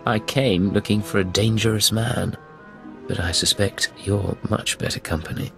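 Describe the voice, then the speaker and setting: An actor playing a composed male Imperial secret agent with a measured, formal manner. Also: fairly low pitch, fairly even intonation, gravelly, fairly bright tone, soft background music. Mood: smooth, flirtatious.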